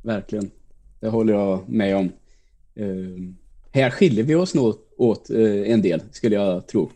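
A man's voice: fairly low pitch, dark tone. A man co-hosting a podcast, telling a school story with many hesitations. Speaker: podcast co-host. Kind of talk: casual storytelling.

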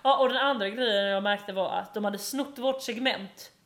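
A woman co-hosting a podcast in casual chat, joking and blunt and swearing freely. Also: mid-range voice. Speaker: podcast co-host. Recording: roomy echo.

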